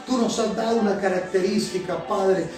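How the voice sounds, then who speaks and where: Male pastor, high-pitched, fervent prayer, heard from across a reverberant sanctuary. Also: fairly even intonation, normal speed. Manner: fervent, repeating Señor and Padre between phrases. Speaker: pastor and prophet. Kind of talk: sermon and spoken prayer. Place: church sanctuary. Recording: echoey church hall from a distance. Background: soft music.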